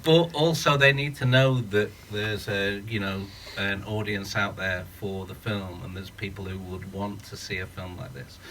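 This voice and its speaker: A man's voice: lowish voice, fairly even intonation, moderate pace, few pauses, a bit bright, a little hiss or hum. A man from the UK, a film's writer-director, earnestly thinking aloud at a post-screening Q&A in a screening room without a working mic. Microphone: no working mic, speaking up. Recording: distant room sound.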